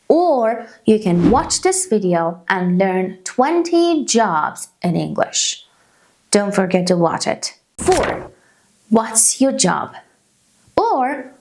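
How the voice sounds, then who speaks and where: A woman in her thirties from Canada, an English teacher giving a slow beginner lesson and repeating each phrase carefully for learners. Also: medium pitch, vocal fry, a little mellow. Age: 30s. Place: small room indoors.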